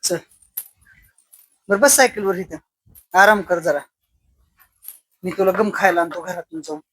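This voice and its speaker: A woman's voice: on the low side, fairly even intonation, a little slow, a bit bright, husky, no room sound. A woman, chatting casually with a child on camera, coaxing, fussing over him and scolding him. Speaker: vlogger. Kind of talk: casual family chat.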